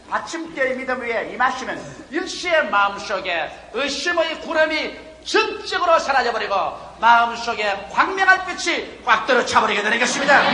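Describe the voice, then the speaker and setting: A man in his forties preaching a fervent sermon as pastor, building to loud peaks. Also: very high voice, a little hiss or hum. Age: 40s. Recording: echoey hall with faint ambience.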